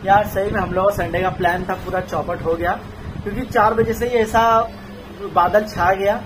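In a small home as rain falls, a young man vlogging his family chats casually and teases his baby son playfully. His high-pitched voice holds a steady tone at normal speed, recorded on a noisy phone.

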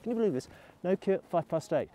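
A middle-aged man vlogs casually while skiing on a snowy slope, chatting and rambling as he films himself with a selfie camera held at arm's length. His voice is high, animated, fast, and dark-toned, with a little hiss or hum.

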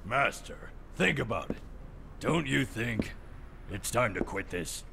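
A man's voice: medium pitch, lively intonation, slow pace, vocal fry, background noise, exaggerated voice. An actor playing a loyal male servant who speaks earnestly and pleadingly to his master in a video game. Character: loyal devoted male servant, young adult.

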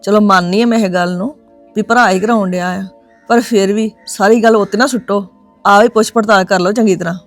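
A woman's voice: mid-range voice, fairly even intonation, a little fast, faint music behind, natural voice. An actress playing a wary woman who keeps urging caution and advising that things be checked properly, in a domestic drama. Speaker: actress in a web series.

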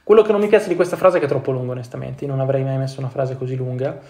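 A man's voice: medium pitch, racing, warm tone, reverberant. A man teaching copywriting, reading ad copy aloud and commenting on it casually, with laughs, swearing and frequent restarts. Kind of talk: casual screen-share commentary.

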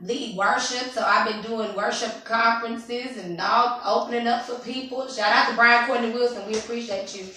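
A woman in her thirties, a radio host and worship leader, chatting as a guest in an animated, laughing way in a studio, at a stand mic filmed from across the room. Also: a little high, moderate pace, few pauses, far from the mic, a little hiss or hum. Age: 30s. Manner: animated, laughing, churchy exclamations. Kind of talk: lively radio interview chat. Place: radio studio, seated on couch. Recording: echoey room, voice from afar.

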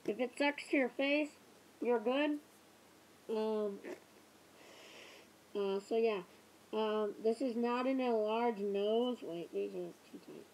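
A woman talking through a gas mask, her voice muffled, speaking loudly and almost yelling to be heard in a casual review. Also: on the high side, takes it slowly, long pauses, a little hiss or hum. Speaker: vlogger.

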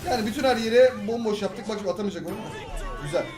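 An excitable young man from Turkey talking over a match he is playing, flipping between loud yelps and muttered grumbles. His voice sits in a middle pitch and sounds a little roomy, with game music playing underneath. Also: quick pace, some chatter behind. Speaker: gaming YouTuber. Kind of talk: live gameplay commentary. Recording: echoey room with game music.

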